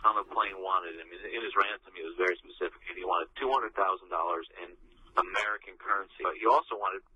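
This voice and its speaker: A man's voice: deep voice, quick pace, slightly rough, lo-fi sound, soft background music. A man speaking as an interview guest, explaining conversationally with emphasis on details.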